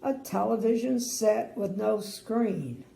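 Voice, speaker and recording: An older woman, a sweet grandmotherly storyteller with a creaky voice, reads a bedtime story expressively and adds chatty asides. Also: mid-range voice, expressive, slow pace, mellow. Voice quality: creaky, gravelly. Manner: sweet old lady, grandmotherly. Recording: roomy indoor echo.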